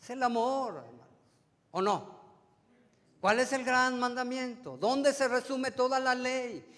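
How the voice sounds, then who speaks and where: A man preaching a sermon to his congregation. He calls them brothers, asks them rhetorical questions, and swings from emphatic rises to soft, trailing phrase endings. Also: extremely high pitch, expressive, a little slow. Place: church sanctuary. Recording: long hall reverb of a church.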